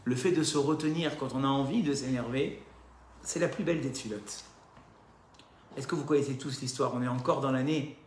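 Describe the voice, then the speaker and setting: A man giving a religious lesson, talking straight to his listeners with lively rhetorical questions. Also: medium pitch, normal speed, roomy sound, slight background noise. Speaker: religious teacher. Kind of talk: recorded Torah class lecture.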